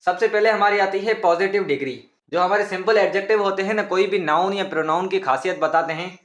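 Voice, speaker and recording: A man's voice: sits high, a bit bright, roomy sound. A man teaching English grammar in a patient, repetitive lesson, often calling his viewers students. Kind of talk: explanatory classroom lesson.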